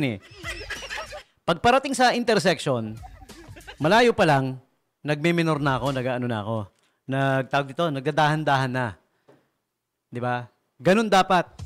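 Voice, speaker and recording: Jokey, lively radio DJ man. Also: a little high. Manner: jokey, rambling, laughs often; mixes in English phrases. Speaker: radio DJ host. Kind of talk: casual radio talk. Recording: radio broadcast with faint music behind.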